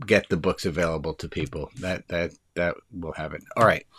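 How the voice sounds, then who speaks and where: Voicing a rabbi, a man guides an online group by video call with casual chatter. The deep, resonant voice is slightly rough, and his eager, quick talk is something he attributes to his excitement.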